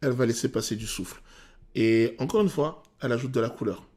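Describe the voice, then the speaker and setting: A male vocal coach talks through a song's technique in detail, often pausing on "euh". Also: mid-range voice. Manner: technical and animated, many "euh" pauses. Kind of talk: explanatory song analysis.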